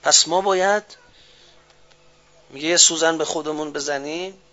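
Male preacher from Iran, high, very bright voice, fiery swings to shouting, muffled recording. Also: fairly even intonation. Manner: swings from low and slow to loud, high and shouting. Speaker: cleric preacher. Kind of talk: sermon.

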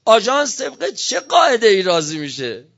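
A man's voice: high voice, huge pitch swings, creaky, fairly bright tone, dull audio. A man giving an impassioned speech, firing off heated rhetorical questions one after another. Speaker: speaker giving a political talk.

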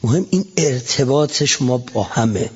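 A man preaching a fiery religious sermon, swinging between shouting and low storytelling. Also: expressive, slightly rough. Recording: lo-fi recording in a reverberant hall.

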